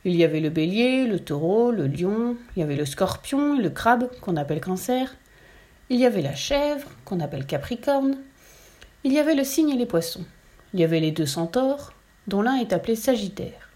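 A woman telling a children's tale aloud. Her reading is lively and expressive, lingering over the storybook's lists. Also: mid-range voice, moderate pace.

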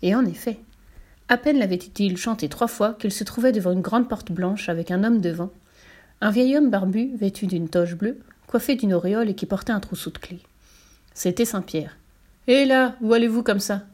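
A woman narrating a children's tale in a measured, expressive reading voice. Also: medium pitch. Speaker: storyteller.

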